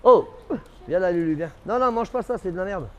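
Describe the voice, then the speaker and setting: Man, boisterous, swearing, teasing banter, outdoors in the rain, slightly high voice. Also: animated, a little fast, lo-fi sound. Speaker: documentary subject, football fan. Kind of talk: casual street chat. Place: outdoors on a city street in rain.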